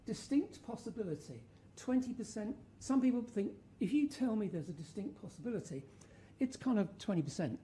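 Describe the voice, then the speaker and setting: A woman's voice: mid-range voice, lively intonation, brisk, hardly any pauses, mellow, slight background noise, low-quality recording. A woman giving an informal research presentation to an audience, using rhetorical questions and emphasis. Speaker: conference speaker.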